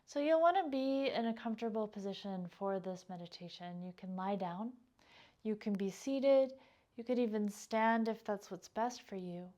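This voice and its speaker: A yoga teacher guides a meditation, her mid-range voice gentle and moving at a moderate pace, with phrases that fade softly away.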